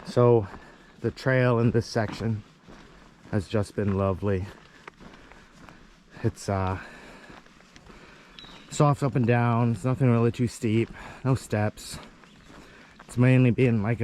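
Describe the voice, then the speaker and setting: Low-voiced man narrating a hike outdoors. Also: a little mellow, slight background noise. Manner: easygoing, rambling, many "like" and "uh" fillers. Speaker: hiker filming a trail vlog. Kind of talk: casual walking narration. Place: outdoors on a wooded mountain trail.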